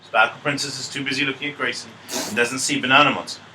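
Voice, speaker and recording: A man's voice: medium pitch, steady tone, quick pace, bright, forceful tone, distant mic, a little hiss or hum, rough recording. A male teacher, telling a playful story in a maths lesson and feigning confusion to draw out his pupils. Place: classroom.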